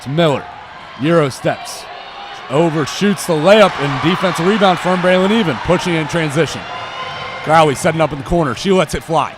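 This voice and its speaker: Over a noisy crowd, a young adult American man speaks a little high at a normal pace, calling a basketball game live. His commentary comes in clipped bursts following the play, set against loud gym noise and bouncing balls.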